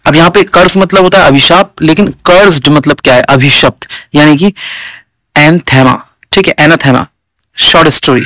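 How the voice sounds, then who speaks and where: A man's voice: a little high, a bit bright, no room sound. A male teacher with an Indian English accent runs an exam vocabulary lesson, glossing each English word in Hindi and checking in with "theek hai" after each one.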